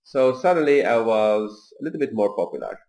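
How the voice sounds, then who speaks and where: Calm man sharing personal reflections. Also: medium pitch. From Tunisia. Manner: calm, measured, with fillers and pauses. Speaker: video host.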